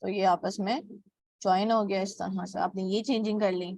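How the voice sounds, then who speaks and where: A woman's voice: mid-range voice, fairly even intonation, moderate pace, gravelly, a little mellow, no echo. A woman teaching graphic design step by step, with a frequent "okay" between steps and English terms mixed into her speech. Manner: mixes English words into Hindi. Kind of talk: screen-recorded software tutorial.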